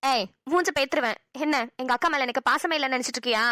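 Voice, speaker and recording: A woman's voice: high voice, fast talker, pushed and bright, dry recording, studio quality. A woman voicing an affectionate, wistful middle-aged mother in a cartoon, with a motherly, scolding tone. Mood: firm. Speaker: voice actor. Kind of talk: cartoon dialogue acting.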